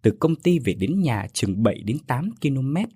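A man narrating a ghost story in an expressive, dramatic way. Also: mid-range voice, normal speed, slightly rough, no echo.

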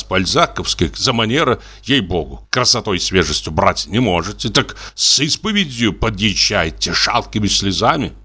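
A man's voice: mid-range voice, bright, forceful tone, husky, pitched above the performer's own voice, exaggerated voice. A man voicing a wronged middle-aged husband, a notary who speaks in a formal, wounded, pompous way. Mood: mocking bitter. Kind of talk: audiobook character reading.

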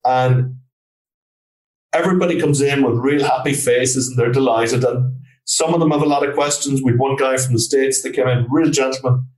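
A man's voice: medium pitch, fairly even intonation, moderate pace, a little mellow, far from the mic. A man with a west of Ireland accent giving informal, plain-worded answers as an interview guest, in a conversational style. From Galway, Ireland. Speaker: trainer and consultant, interview guest. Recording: roomy, echoing sound.

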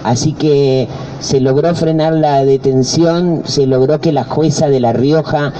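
A man's voice: a little high, fairly even intonation, a little slow, warm tone, a little hiss or hum, low-quality recording. A man giving an urgent speech at a protest. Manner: urgent, rallying. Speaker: activist speaker.

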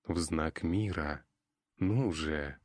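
A man voicing a cold, scheming noble elf lord who speaks slowly and calmly to persuade. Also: rumbling low, no room sound, exaggerated voice. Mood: coldly persuasive. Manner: slow, calm, persuasive.

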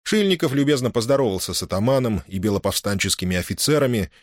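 A man narrating a novel as an audiobook in a steady, expressive reading. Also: fairly low pitch, fast, no room sound, clean studio sound.

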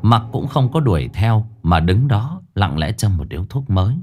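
A man narrating a ghost story in an expressive storytelling manner. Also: lowish voice, moderate pace. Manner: animated, expressive.

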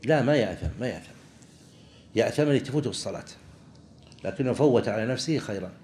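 A man teaches from a legal text, stopping and restarting his phrases as he thinks. His voice sits at an ordinary pitch. A faint hum of noise runs underneath. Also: expressive, a little mellow. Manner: halting, with frequent restarts and pauses. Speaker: religious teacher. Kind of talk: explaining a legal text to students.

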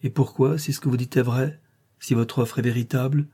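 A man's voice: medium pitch, steady tone, a little fast, mellow, slightly rough. A man reading the part of an earnest, doubting young governess in an audiobook.

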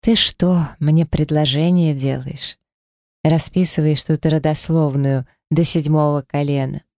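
A storyteller voicing a playful young female snow witch who teases and gets excited. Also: medium pitch, measured pace, no room sound, studio quality, lightly acted. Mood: teasing. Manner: teasing, excited.

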